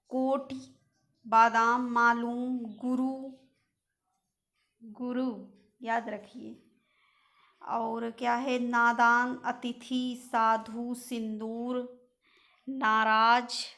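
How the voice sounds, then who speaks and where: A woman teacher going slowly through word lists in an exam-prep lesson, pointing out common spelling mistakes. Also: on the high side, a bit bright. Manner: slow, reads out word lists and corrects common misspellings.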